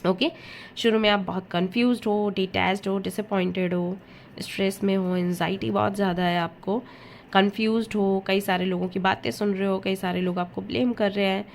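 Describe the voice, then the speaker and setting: Woman, middle pitch, chatty direct-to-viewer tarot reader, faint background noise. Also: fairly even intonation, moderate pace. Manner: chatty, addresses viewer directly, mixes English words into Hindi. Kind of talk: casual tarot reading to camera.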